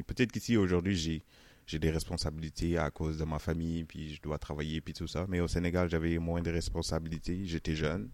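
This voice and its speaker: A young Senegalese man with a rumbling low voice chats easily in a casual interview, his Senegalese French accent softened toward Canadian French. Relaxed and talkative, he laughs often and uses many "euh" and "tu sais." There is no room sound.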